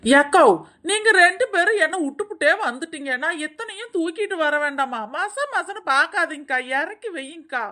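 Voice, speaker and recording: A greedy, boastful village woman from a comedy cartoon, played by a woman. She talks in a wheedling, self-satisfied way. Her voice sits fairly high. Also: lively intonation, brisk, bright, forceful tone, full character voice. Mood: scheming. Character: greedy chatty village woman hoarding wedding leftovers. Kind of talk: animated comedy dialogue.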